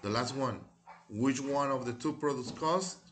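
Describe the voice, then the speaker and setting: A man teaching a recorded English lesson, slowly reading words aloud and repeating each one for students to copy. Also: medium pitch, a bit bright. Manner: slow, deliberate, repeats each word for students.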